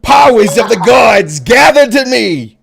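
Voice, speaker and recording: A man voicing a small, boastful male goblin in ill-fitting paladin armor, with slow, bombastic shouting. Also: very high-pitched, sing-song, gravelly, music in the background, pitched above the performer's own voice, full character voice.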